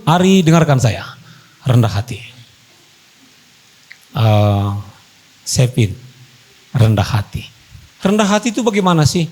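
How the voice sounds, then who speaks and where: High-voiced man preaching a wedding sermon. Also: low-quality recording. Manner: emphatic, repeats key phrases, shifts between quiet counsel and raised preaching. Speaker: pastor.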